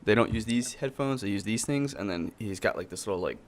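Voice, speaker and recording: A man's voice: lowish voice, fast talker. Rambling, joking male podcast host. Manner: rambling, swears casually, animated jokes. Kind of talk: casual panel chat.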